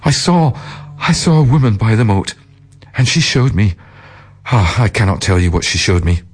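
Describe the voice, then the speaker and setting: A man voicing a kind old merchant who pleads gently and then gasps in terror. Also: medium pitch, wildly swooping pitch, unhurried, vocal fry, breathy edge, soft background music, voice pushed up, full character voice. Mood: panicked. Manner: pleading, breathless and panicky.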